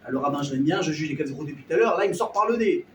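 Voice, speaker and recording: Man preacher with a high voice, lively storyteller playing each character; roomy, off-mic sound. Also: racing, slight background noise. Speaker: rabbi. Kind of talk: storytelling sermon. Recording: echoey room, voice a bit far from the mic.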